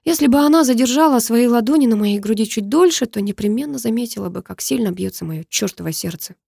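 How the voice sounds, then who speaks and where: A woman narrating a story in the first person, in a measured and intimate way. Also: a little high, animated, gravelly, dark tone, breathy edge, dry recording, clean studio sound. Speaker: audiobook narrator.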